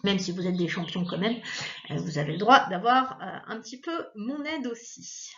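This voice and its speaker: A woman's voice: medium pitch, expressive, normal speed, a bit bright, highs cut off. A woman teacher leading a recorded reading lesson for children, patiently sounding out syllables one at a time. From France.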